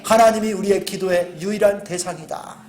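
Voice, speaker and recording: High-voiced pastor preaching in an echoey church. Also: male voice, fairly even intonation, a little fast, darkish tone, slight background noise. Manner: earnest, rising to fervent exhortation. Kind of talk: sermon. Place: church sanctuary.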